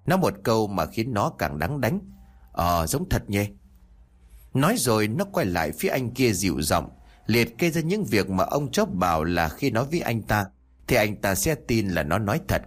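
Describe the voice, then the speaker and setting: A man narrating a village ghost story in the first person, with expressive, lively storytelling. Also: fairly low pitch, moderate pace.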